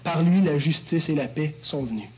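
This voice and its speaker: A man's voice: fairly high pitch, moderate pace, a little mellow, muffled recording, a little hiss or hum. A man preaching an expository sermon, teacherly with joking asides to the congregation. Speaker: pastor.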